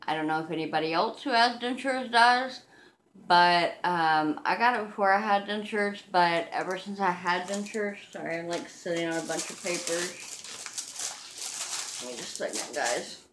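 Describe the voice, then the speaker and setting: A woman in her thirties speaking without teeth, with soft slurred articulation, chatting casually and a little self-consciously to her camera. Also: lowish voice, normal speed, a little hiss or hum. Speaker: vlogger. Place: living room, seated on a couch indoors. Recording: roomy, echoing home recording.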